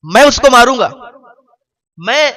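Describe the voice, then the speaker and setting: A man's voice: very high voice, animated, pitched above the performer's own voice, full character voice. A man preaching a sermon who voices a kind, wealthy man earnestly consoling a crying stranger. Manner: warm, reassuring, earnest. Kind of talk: sermon storytelling.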